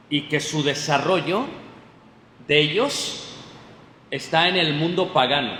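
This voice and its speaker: A man's voice: medium pitch, pushed and bright. Guy preaching, teaching sermon, keeps quizzing the crowd, roomy church echo, bit of hiss. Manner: quizzes the congregation with questions; explains with homely everyday examples. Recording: roomy hall reverb, faint noise.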